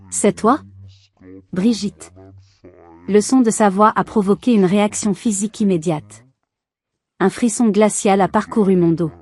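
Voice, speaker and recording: A woman giving a calm, measured first-person story narration as the channel's storyteller. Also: medium pitch.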